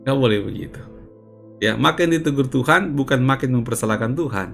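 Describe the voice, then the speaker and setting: A man pastor giving a devotional sermon in an animated, conversational way, full of rhetorical questions. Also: mid-range voice, fairly quick, creaky, soft background music.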